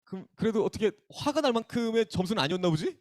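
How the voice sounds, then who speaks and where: Young guy youth pastor joking around with teens in a church hall, kinda high voice, bouncy. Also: lively intonation, fast talker, a little mellow. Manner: bantering, teasing, calls on listeners by name. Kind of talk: casual sermon opening with audience questions.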